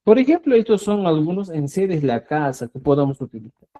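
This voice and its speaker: A man's voice: a little high, very animated, a little fast, mellow, rough recording. A man teaching a Quechua lesson, repeating words and checking in with his students. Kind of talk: online language lesson.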